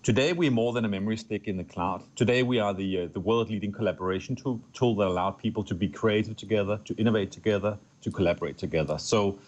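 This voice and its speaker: A middle-aged Danish tech executive, speaking with a Danish accent, answers interview questions earnestly as a guest. His fairly low, darkish voice moves fast with few pauses, and he often restarts phrases and repeats words.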